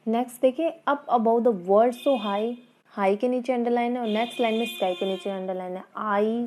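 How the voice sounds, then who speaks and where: A woman's voice: medium pitch, a little mellow. A woman teacher explaining an English poem lesson, asking her students questions and repeating key words. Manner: reads English lines slowly and carefully. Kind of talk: online class lesson in Hindi-English mix.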